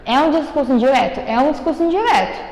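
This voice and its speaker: A woman's voice: high voice, expressive, fast talker, a little mellow. A woman teaching a writing lesson to schoolchildren, patiently checking that they follow with frequent "ok?" and "né?". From Brazil. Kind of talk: recorded online class. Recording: echoey room, long reverb.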